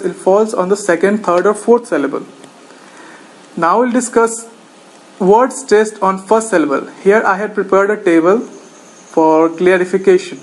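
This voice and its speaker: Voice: medium pitch, rough recording. A teacher giving a recorded lecture, methodically reading out lists of example words one at a time.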